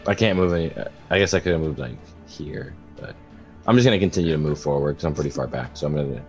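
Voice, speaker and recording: A man's voice: extremely low pitch, fast talker, darkish tone, faint music behind. A man playing a tabletop game, casually talking through his options. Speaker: player in a tabletop RPG.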